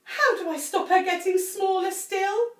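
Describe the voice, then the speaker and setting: A woman reading a story aloud and voicing a frantic, fussy middle-aged housewife with a shrill, wailing voice. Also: unhurried, distant mic. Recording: echoey room, voice off-mic.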